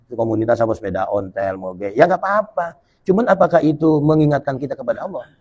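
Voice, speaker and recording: Man, preacher at a dawn mosque gathering, husky, jokey, swings his pitch a lot. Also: lively intonation, fast, darkish tone, dull audio. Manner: jokey, colloquial, reads and explains Arabic text. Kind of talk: humorous sermon.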